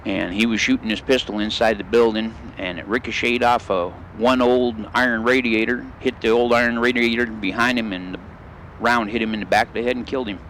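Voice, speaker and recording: A man's voice: medium pitch, steady tone, fairly quick, fairly bright tone, a little hiss or hum. A middle-aged man hosting a gaming video, telling old stories in a folksy, rambling drawl with country grammar while driving in the game. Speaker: gaming channel host.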